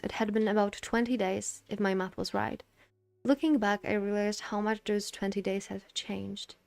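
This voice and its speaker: A woman reading a game's story text aloud, with occasional asides, over soft music. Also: mid-range voice, creaky. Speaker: reader of a visual novel.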